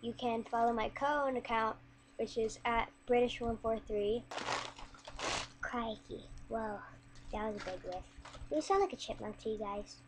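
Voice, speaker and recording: A young woman vlogging in a squeaky chipmunk voice from breathing in helium, chatting in a scattered way with lots of filler words. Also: measured pace, background noise. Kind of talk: casual rambling vlog chat.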